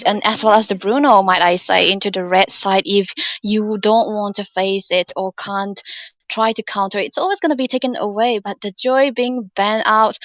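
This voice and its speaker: A female esports co-caster with a mid-pitched voice who walks through the draft in a measured way. The recording is dry and close. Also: fairly bright tone, no room sound, rough recording.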